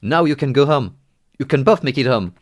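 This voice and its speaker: Narrating a horror game playthrough from a script, this game reviewer speaks at medium pitch, expressively and a little fast. His delivery swings from dramatic storytelling to dry, fed-up side remarks.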